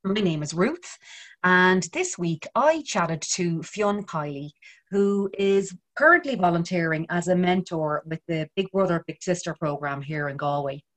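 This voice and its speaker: A woman's voice: fairly low pitch, animated, measured pace. A woman with an Irish accent presenting and interviewing on a podcast in a conversational style.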